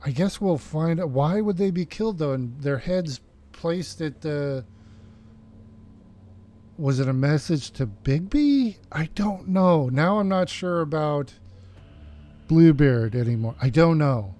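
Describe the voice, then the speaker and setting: A man's voice: fairly high pitch, animated, unhurried, dark tone. A man hosting a let's play, musing in a hesitant way with lots of ums and uhs. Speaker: gaming channel host. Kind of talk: casual let's play commentary.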